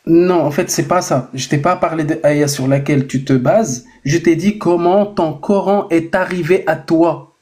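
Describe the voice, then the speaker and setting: A man hosts a live online debate, asking his question again and again. His voice sits a little high for a man yet sounds dark and mellow. He opens with hesitant fillers before pushing firmly ahead. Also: normal speed, few pauses. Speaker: host and debater.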